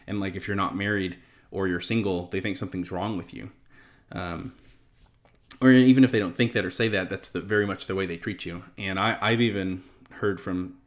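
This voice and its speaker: A man in his thirties giving a casual Bible lesson to a webcam in a small home study, reading passages aloud and talking earnestly with fillers and restarts. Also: low voice. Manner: earnest and conversational, with fillers, restarts and emotional pauses. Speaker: Bible teacher. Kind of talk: casual teaching to camera, reading scripture aloud.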